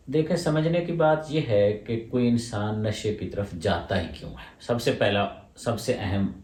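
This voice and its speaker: A man's voice: lowish voice, darkish tone, far from the mic. A man, a homeopathic doctor answering questions and explaining his points in order. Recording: roomy echo, voice from away from the mic.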